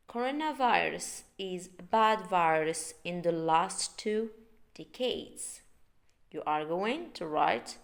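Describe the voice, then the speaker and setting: A woman teaching an English grammar lesson, reading out words slowly and repeating them for learners. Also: mid-range voice.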